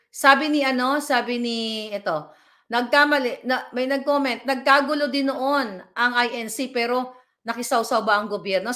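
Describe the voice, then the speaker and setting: A political vlogger with a fairly high, pushed and bright voice delivers emphatic live commentary. She addresses her viewers directly and reads their comments aloud.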